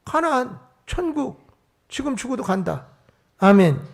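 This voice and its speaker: A man preaching a Sunday sermon with a high-pitched voice and a gravelly, fry-laden edge. He rises into emphatic calls, then drops to a near-whisper, and throws rhetorical questions out to the congregation. The delivery is that of a senior pastor in the pulpit. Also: very animated, a little slow. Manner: swings from emphatic raised calls to hushed whispers. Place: church service.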